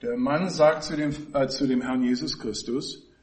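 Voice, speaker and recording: A man giving an expository Bible teaching, explaining the text in a measured way and stressing key words with pauses. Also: mid-range voice, steady tone.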